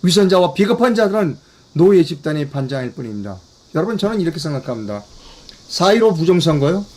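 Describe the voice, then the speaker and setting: A man's voice: fairly high pitch, very animated, fast, darkish tone. An older man giving a political news briefing, talking emphatically, repeating himself and putting rhetorical questions to his viewers. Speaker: political commentator.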